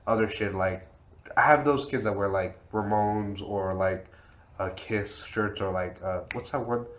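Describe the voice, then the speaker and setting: A man's voice: lowish voice, unhurried, slight background noise. A young man co-hosting a casual podcast, chatting easily about his students. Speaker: podcast co-host. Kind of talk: casual chat. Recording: echoey garage.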